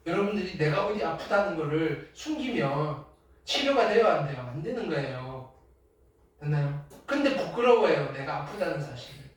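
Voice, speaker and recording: Teacher lecturing a class, very animated, loud bursts then low asides; recorded far off in a booming room. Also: heavy reverb. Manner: emphatic, keeps asking "됐나요?" and "알겠어요?". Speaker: high school math teacher.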